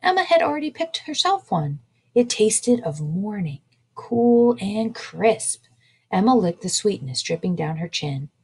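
A woman librarian reading a children's picture book aloud in a slow, expressive way. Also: medium pitch, slightly rough.

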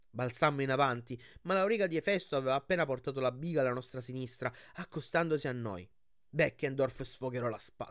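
A man hosting his channel, reading a novel aloud with expressive storytelling and then commenting on the chapter in a chatty, thoughtful way. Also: medium pitch, no echo, clean studio sound. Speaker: audiobook reader and channel host.

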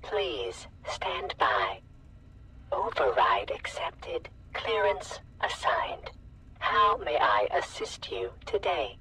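A stern male security computer from a video game, its processed voice set a little high and swinging widely in pitch as it reads out slow, clipped warnings. It talks in formal system announcements. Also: sing-song, bright, forceful tone, a little hiss or hum, exaggerated voice, poor audio. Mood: formal alert.

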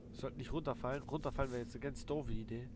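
A man's voice: mid-range voice, fairly even intonation, rapid-fire. A man giving casual gameplay commentary as a let's play host, thinking aloud in colloquial speech. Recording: loud game noise behind voice. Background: video game sounds.

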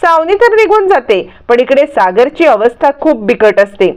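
A woman narrating a lively, dramatic retelling of a TV serial episode. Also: sits high, normal speed, dull audio.

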